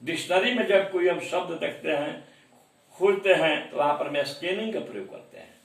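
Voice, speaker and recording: A man's voice: on the high side, vocal fry, roomy sound, distant mic, poor audio. A man teaching an exam-prep lecture, explaining answers step by step and mixing in English terms. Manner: reads English questions slowly, then explains.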